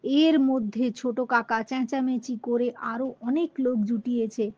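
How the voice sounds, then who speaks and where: A woman reads a children's story aloud at a very slow pace, with a somewhat high voice. She sometimes rereads a line or stops to explain a word. The recording is dry and a little dull. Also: steady tone, a little mellow, no room sound. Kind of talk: storybook reading.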